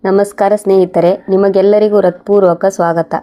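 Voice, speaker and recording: Woman storyteller, scripted first-person narration, mellow tone, steady flat delivery. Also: mid-range voice, normal speed.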